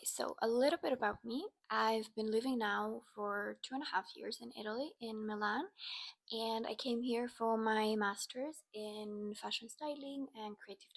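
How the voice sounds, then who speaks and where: Relaxed woman with vocal fry. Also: a little high. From Finland. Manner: relaxed and chatty, drifting into soft breathy asides. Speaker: vlogger. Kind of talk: casual personal vlog.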